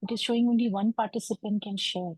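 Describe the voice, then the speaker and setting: A woman explains medical genetics in a steady, methodical way, often pausing with an "uh." Her voice has a slightly husky, mellow tone. She comes through a computer mic on a video call, and the sound is dry and close with no room echo. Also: medium pitch. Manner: measured, explanatory, with frequent uh fillers. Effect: heard over a video call. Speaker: clinical geneticist presenting a webinar lecture. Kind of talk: medical lecture.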